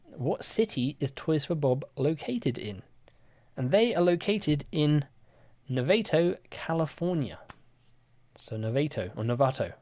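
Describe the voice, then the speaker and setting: This livestream quiz host is a young man with a fairly high voice who talks at a slow pace. His casual stream is chatty and relaxed, filled with fillers as he reads viewers' chat questions aloud and answers them.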